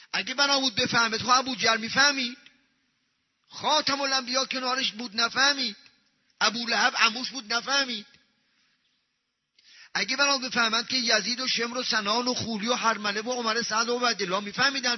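Male preacher, very high voice, fiery pulpit delivery with rhetorical questions and chanted scripture; dull lo-fi recording with long reverb. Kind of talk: pulpit sermon.

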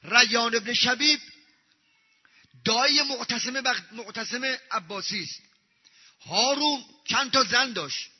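A man preaches from the pulpit in a very high, piercing voice, firing off emphatic rhetorical questions and chanting the scripture he quotes. The sound rings with a long reverb around a large hall. The recording is dull and lo-fi. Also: pauses often, slightly rough. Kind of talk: pulpit sermon.

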